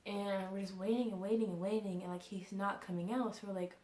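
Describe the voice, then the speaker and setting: A woman's voice: medium pitch, fairly even intonation, fairly quick, a little mellow. Chatty young woman in a roomy room. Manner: chatty, many fillers, laughs often. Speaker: vlogger. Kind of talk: casual storytime. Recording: roomy echo.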